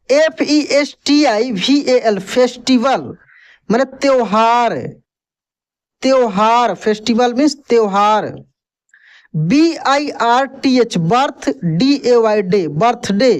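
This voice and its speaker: A man teaching English vocabulary in a lesson, spelling each word letter by letter, then repeating it and its meaning patiently, often checking in with the listener. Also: extremely high pitch.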